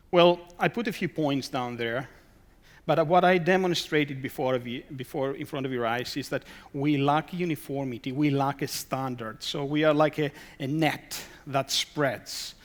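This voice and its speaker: Man giving a conference talk. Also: mid-range voice. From Greece. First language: Greek. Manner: reads out slide headings, asks rhetorical questions, dry asides. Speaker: conference speaker. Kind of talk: conference presentation.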